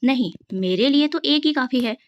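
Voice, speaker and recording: A woman's voice: high voice, lively intonation, moderate pace, dull audio. A woman reading the part of a polite, friendly young boy visiting a neighbor.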